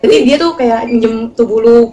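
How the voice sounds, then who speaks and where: A woman's voice: a little high, moderate pace, music in the background. A teenage girl, the host's friend, chiming in with short casual reactions. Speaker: co-host friend. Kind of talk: casual chat.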